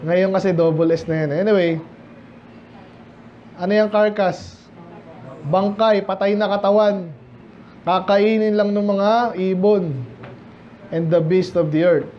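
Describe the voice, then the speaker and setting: A male pastor with a Filipino accent, teaching verse by verse in a midweek Bible study, reading King James verses slowly and explaining them in mixed Tagalog and English. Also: high-pitched, steady tone, lo-fi sound, a little hiss or hum. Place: church sanctuary, indoors.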